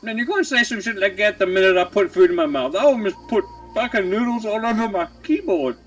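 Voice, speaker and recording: A man with a high, very lively voice jokes and swears among fellow players. He sounds set back from the microphone. Faint music plays behind. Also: fast, far from the mic. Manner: animated, joking, swears.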